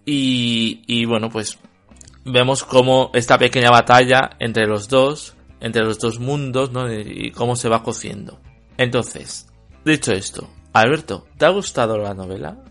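A man with a Spanish accent from Spain gives a casual spoken book review, unhurried and hesitant, stumbling over fillers and restarts. His pitch is in an ordinary middle range, and he turns blunt, dismissive and critical. Quiet music plays faintly in the background.

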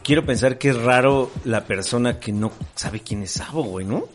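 A man's voice: medium pitch, moderate pace, heavy background noise. A man with a Mexican accent, a podcast co-host in casual chat, who rambles and keeps restarting his points.

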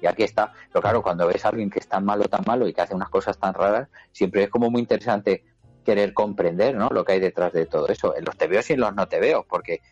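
Spanish guy rambling casually, low voice, muffled lo-fi sound, bit of music. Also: fast talker, darkish tone, no room sound. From Murcia, Spain; raised in Madrid. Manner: rambling, repeats words, swears casually. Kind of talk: casual chat.

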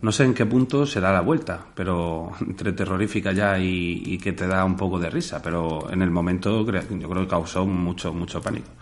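A man from hosting a casual chat about films, relaxed and talking straight to his listeners. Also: deep voice, moderate pace, hardly any pauses. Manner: relaxed, chatty, addresses listeners. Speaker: podcast host.

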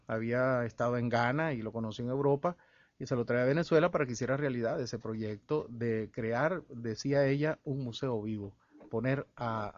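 A man from El Salvador talks as a guest in a radio studio. He speaks in a halting way, full of fillers and restarts, at a middling pitch. The broadcast sound is dull and lo-fi. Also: dry recording. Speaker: guest musician and researcher. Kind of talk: radio interview conversation.

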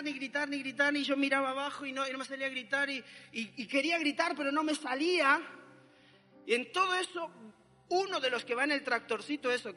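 High-voiced man telling a story. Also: long reverb tail. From Argentina. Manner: animated, dramatic storytelling. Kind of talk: personal testimony storytelling.

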